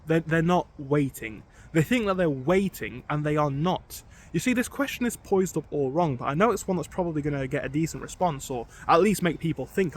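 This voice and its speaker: A young man with a fairly high voice talks earnestly to the camera, restarting his sentences as he thinks aloud. He is out on a bike ride, and faint outdoor sounds stay under his voice. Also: a little hiss or hum. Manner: earnest, repeats words while thinking aloud. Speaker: vlogger. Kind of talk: casual talking-to-camera vlog.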